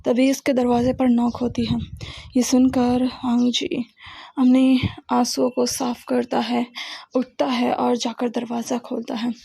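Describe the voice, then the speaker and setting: A woman narrates an emotional love story, often doubling back on her words. Her voice is high and mellow with a gravelly edge. The recording is close and dry. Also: monotone, a little slow, no echo. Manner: repeats words while narrating.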